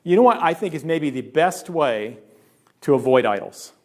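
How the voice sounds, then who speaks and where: A middle-aged male pastor preaching in a church, his voice a little higher than most men's. He talks to the congregation like a conversation and keeps asking "right?" Now and then he acts out someone's worried inner voice with sudden high jumps in pitch. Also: animated, normal speed, darkish tone. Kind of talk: sermon.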